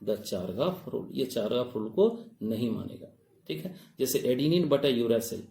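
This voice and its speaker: A man's voice: medium pitch, lively intonation, a little slow, creaky, warm tone, reverberant. A man giving an exam-prep biology lecture. He mixes Hindi with English technical terms and keeps asking his students questions, calling them "babu". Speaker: biology teacher.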